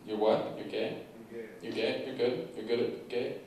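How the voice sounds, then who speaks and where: A man doing a stand-up comedy set on a theater stage, telling a story with animated delivery that bursts into loud stretches. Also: medium pitch, measured pace. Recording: echoey room from far off.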